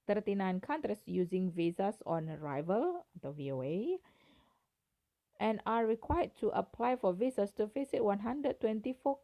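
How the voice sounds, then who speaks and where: A woman's voice: mid-range voice, mellow, low-quality recording. A woman with an Indonesian accent reads a written essay aloud, carefully and with the occasional stumble.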